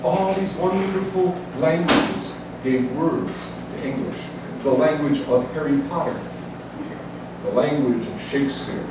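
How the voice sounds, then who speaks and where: In a very noisy, echoey cafe, a man in his sixties from Chicago's South Side unhurriedly tells a live story full of folksy, humorous asides. His voice sits on the high side. The distant mic catches plenty of room ambience and chatter.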